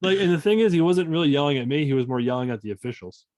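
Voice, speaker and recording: A man in his thirties from Maine, a podcast host telling rambling high school basketball stories in casual chat, swearing now and then. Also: animated, very fast, darkish tone, no echo, low-quality recording. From Maine, USA.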